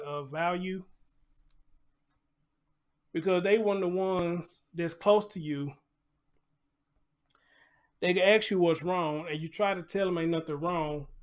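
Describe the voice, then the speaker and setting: Hosting a casual live commentary show, a high-pitched American man talks in a conversational manner. He leans on rhetorical questions and repeated phrases, adding asides that sound like a preacher's.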